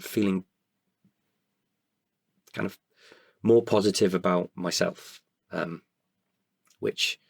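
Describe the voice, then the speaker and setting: Slowly and with long pauses, a British performer on a podcast answers interview questions in a low, husky voice with a steady tone. He's candid and reflective, feeling his way hesitantly through his thoughts. The recording is close and dry, without any room sound.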